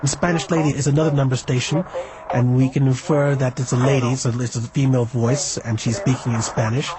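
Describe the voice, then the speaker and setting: A man's voice: mid-range voice, steady tone, fairly quick, background noise. A man speaking in a documentary interview in an emphatic, enthusiastic way as a radio researcher. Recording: music playing under the voice.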